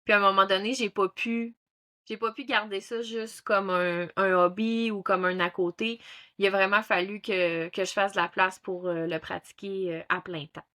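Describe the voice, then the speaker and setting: This woman, a ThetaHealing instructor in her thirties from Quebec, talks as a guest in a relaxed interview, her Québécois accent threaded with fillers and restarts. Her mid-range voice keeps fairly even intonation at a normal speed and sounds pushed and bright.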